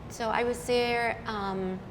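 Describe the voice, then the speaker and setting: A middle-aged woman from Lebanon with a gravelly voice, speaking unhurriedly as a podcast guest. Her words trail into a long reverb, with clear noise around her. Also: a little high, steady tone. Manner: warm, unhurried storytelling with fillers. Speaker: guest, professional violinist. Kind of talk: casual interview chat.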